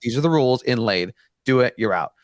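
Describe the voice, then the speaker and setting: In a casual podcast chat, this native Spanish speaker from Mexico talks earnestly as a guest, frequently restarting and filling gaps. His mid-range voice is expressive and brisk. The sound is dry and studio quality.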